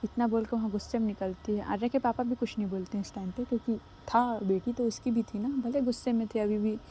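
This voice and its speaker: A woman's voice: fairly high pitch, fairly even intonation, a little fast, dark tone, a little hiss or hum. A woman narrating a love story casually and conversationally, slipping English words in.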